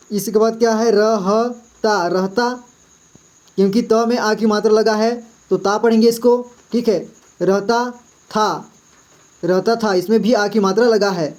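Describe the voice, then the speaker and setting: A man walks through a reading lesson one word at a time. He sounds out each syllable slowly and patiently and keeps checking that his students are following. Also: very high voice, a little mellow. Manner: patient, slow syllable-by-syllable sounding out, frequent "ठीक है" check-ins. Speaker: Hindi reading teacher.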